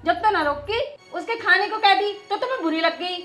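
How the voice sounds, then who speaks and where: A sharp-tongued village bride. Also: female voice, extremely high pitch, brisk, soft background music. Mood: resentful. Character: sharp-tongued young daughter-in-law, resentful. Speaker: daughter-in-law. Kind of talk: rural film drama acting.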